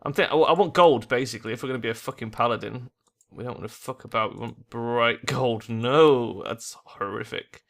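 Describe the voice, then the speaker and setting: A man hosting a casual let's play, talking in a mid-pitched voice. He thinks aloud in an informal, sweary way, commenting on the game as he goes. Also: moderate pace, vocal fry, hardly any pauses. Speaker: gamer, let's play host.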